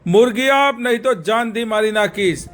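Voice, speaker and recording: A man's voice: high-pitched, moderate pace. A man voicing a greedy male lion who talks in a children's story, giving blunt commands. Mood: threatening. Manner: gruff threats, blunt commands. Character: fierce talking male lion, greedy and demanding.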